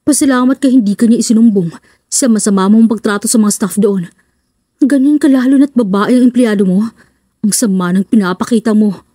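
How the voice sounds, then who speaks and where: Woman doing a commanding young husband, lowered and firm. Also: brisk, warm tone, dry recording, studio quality, close to an everyday voice. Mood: stern. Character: protective rich young husband.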